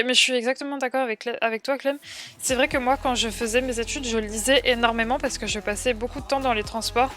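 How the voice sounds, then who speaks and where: Quiet music plays behind a young French woman streaming live, as she chats casually, answers viewers' comments and trails off with frequent fillers. Her voice sits slightly high for a woman.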